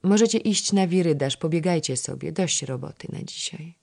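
A narrator voicing a gentle, older royal princess calmly giving orders to her attendants in a historical storybook. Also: mid-range voice, normal speed, vocal fry, pitched above the performer's own voice. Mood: kindly.

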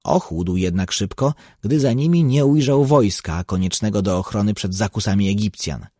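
A seasoned, grave tracker, voiced by an audiobook narrator, lowish and husky, explaining in a measured, warning tone. The sound is close and dry. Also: male voice, mellow, dry recording, close to an everyday voice.

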